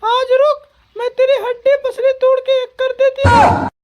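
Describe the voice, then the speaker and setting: A woman doing a shrill nagging old mother-in-law. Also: flat delivery, measured pace, muffled recording. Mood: scolding. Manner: scolding, insulting, dramatic complaints.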